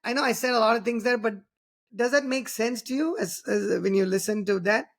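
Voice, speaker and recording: Hosting a relaxed podcast interview, a native Tamil speaker from southern India's Tamil Nadu speaks a little fast in a high voice with an Indian accent. His sentences run long and meandering, full of restarts and tagged with "you know" and "right?"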